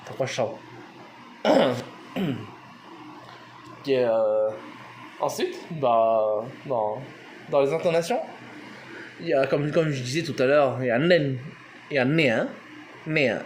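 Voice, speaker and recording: A man's voice: mid-range voice, takes it slowly, pauses often, slight background noise. A man giving an informal language lesson, hesitant with many fillers, spelling words out letter by letter. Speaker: language teacher.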